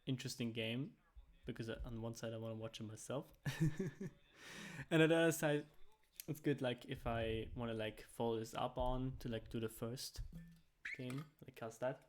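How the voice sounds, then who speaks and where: Casting games on his own, this young amateur whose native language is German talks at normal speed with a medium pitch and fairly even intonation. His casual commentary wanders, packed with "like" and restarted sentences.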